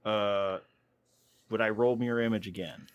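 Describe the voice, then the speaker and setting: A man's voice: fairly low pitch, fairly even intonation, moderate pace, smooth, highs cut off. A man chatting casually as a player in a tabletop game.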